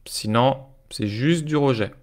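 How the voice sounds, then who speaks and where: A man's voice: medium pitch, unhurried. A male life coach giving a live-streamed talk, speaking informally to viewers and checking in with them often.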